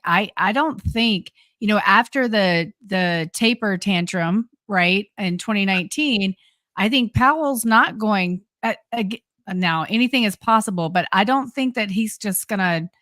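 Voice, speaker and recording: Halting woman commentator, dry close sound. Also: mid-range voice, fairly bright tone, dry recording. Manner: halting, frequent restarts, measured. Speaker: co-host, commentator. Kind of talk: casual live-stream commentary.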